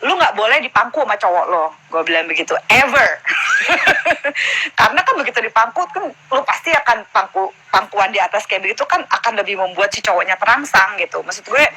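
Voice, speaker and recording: A woman's voice: medium pitch, lively intonation, fast talker, few pauses, bright, forceful tone, a little hiss or hum, rough recording. A woman, a guest in a casual live stream chat, explaining frankly and acting out conversations with her daughter. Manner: frank, explanatory, acts out dialogue. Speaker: guest, mother of a teenage daughter.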